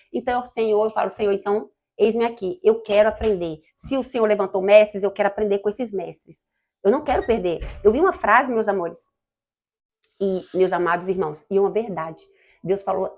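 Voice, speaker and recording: A woman's voice: medium pitch, a little mellow. A woman with a Brazilian Portuguese accent giving an informal, fervent church sermon in a conversational, digressive way. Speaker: church member preaching.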